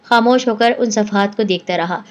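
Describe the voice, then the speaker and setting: A woman narrating a first-person story in a steady, earnest storytelling manner. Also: medium pitch, highs cut off.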